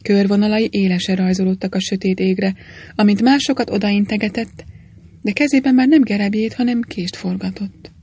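A woman narrating a story aloud at a steady, even pace. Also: medium pitch, slightly rough. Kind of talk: storybook reading.

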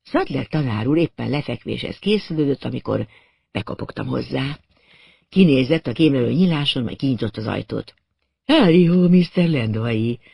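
A man's voice: medium pitch, animated, creaky, a little mellow, breathy edge, dry recording. Man narrating a humorous audiobook. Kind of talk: scripted narration.

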